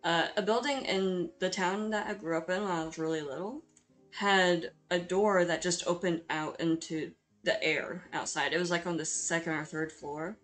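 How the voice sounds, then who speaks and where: A woman with a slightly low voice narrates her video in an informal, chatty style. She is hesitant and self-deprecating, often apologetic in the way she talks. Music plays behind her voice. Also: fairly even intonation, moderate pace. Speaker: video creator hosting a drawing speedpaint. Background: background music.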